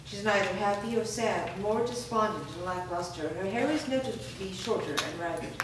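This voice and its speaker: At a live staged screenplay reading, a woman with a mid-range voice reads the stage directions as narration at a moderate pace. The recording is distant, with heavy echo from the reverberant room and background noise.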